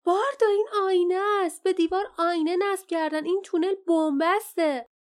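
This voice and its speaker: A woman's voice: high voice, little pitch movement, voice pushed up, lightly acted. A woman voices a young, bold hero whose lines come out tense and urgent. It is a storybook reading with a mostly natural voice. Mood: alarmed shout. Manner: urgent shouting. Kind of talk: audiobook character voice.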